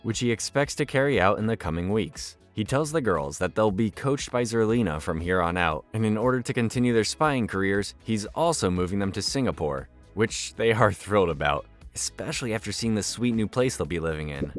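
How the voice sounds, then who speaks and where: Low-pitched man narrating over music. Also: expressive, brisk, hardly any pauses. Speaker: narrator of a cartoon recap. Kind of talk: scripted narration. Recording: music bed behind voice.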